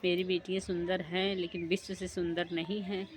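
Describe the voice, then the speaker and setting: A man's voice: sits high, little pitch movement, normal speed, natural voice. A woman voicing a worried older father who speaks earnestly.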